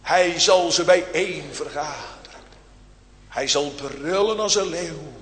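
A man preaching a sermon in a church, speaking slowly and solemnly, with rising, emphatic outbursts. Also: fairly high pitch, a bit bright, echoey room, long reverb tail, slight background noise.

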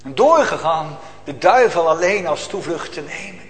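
A man preaching a sermon as pastor, swinging between loud declaiming and hushed near-whispers. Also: on the high side, lively intonation, moderate pace. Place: church. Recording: echoey church hall.

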